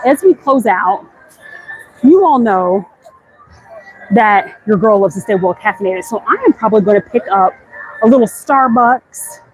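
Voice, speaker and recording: This vlog host is an American woman with a medium-pitched voice, livestreaming as she strolls through a busy theme park. She is enthusiastic and chatty, with a slangy way of addressing viewers. The rough outdoor recording is full of clear theme park background noise.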